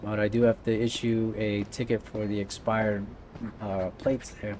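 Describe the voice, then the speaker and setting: Mellow male let's-play gamer, faint noise behind. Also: lowish voice, level tone, moderate pace. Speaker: gaming video host. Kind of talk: casual let's-play commentary.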